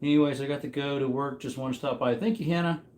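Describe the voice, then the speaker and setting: Talking fast in a darkish mid-range voice, a mid-thirties livestream host rambles through trivia and responds to chat on the fly. The audio is reverberant.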